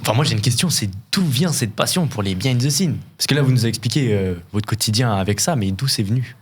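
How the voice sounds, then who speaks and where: A man's voice: mid-range voice, animated, quick pace, husky. Hesitant man acting as talk show host. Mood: polite, flustered. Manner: hesitant, over-polite, rambling. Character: mock-formal, flustered male talk show host. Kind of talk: comedy talk show presenting.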